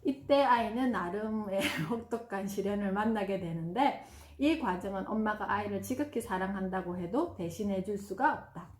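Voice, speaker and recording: A woman's voice: medium pitch, moderate pace. A woman in her fifties giving a parenting lesson, partly reading from a book and acting out gushing praise for children. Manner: warm, demonstrative, acts out gushing praise in bursts. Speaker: parenting educator. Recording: roomy echo.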